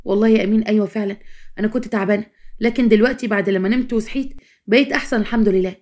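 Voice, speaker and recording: A woman's voice: mid-range voice, steady tone, rapid-fire, a little mellow, close to an everyday voice. A woman voicing a stubborn young working wife, Egyptian-accented, who talks in a pleading yet defiant way. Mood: determined. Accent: Egyptian Arabic.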